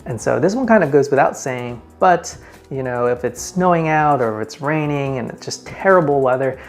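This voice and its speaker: A man's voice: mid-range voice, lively intonation, moderate pace. A man hosting a men's style video, presenting tips in a casual vlogger manner with direct address and emphatic numbered points. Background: faint background music.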